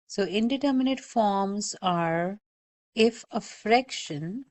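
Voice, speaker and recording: A woman's voice: mid-range voice, lively intonation, takes it slowly, a little mellow. A woman math teacher giving a recorded calculus lecture, explaining step by step and often checking in with "okay?". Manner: patient, repeats warnings, checks in with "okay?".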